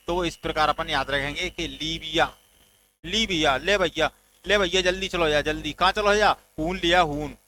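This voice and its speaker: A man's voice: on the high side, moderate pace, pushed and bright, a little hiss or hum, poor audio. A man teaching a general knowledge lesson, telling playful stories and acting out little dialogues as memory tricks. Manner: playful storytelling with mnemonic jokes, acted dialogue.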